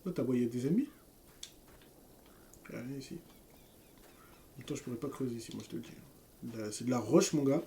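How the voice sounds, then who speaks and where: A man casually commentating his gameplay, reading game text aloud in street slang, with sudden loud shouts of excitement. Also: mid-range voice, a little fast, pauses often. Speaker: let's play gamer.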